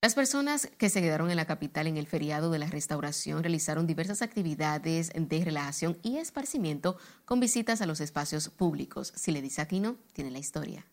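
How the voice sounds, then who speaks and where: Low-voiced news anchor woman. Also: lively intonation. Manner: measured, formal newsreading. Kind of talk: scripted news reading.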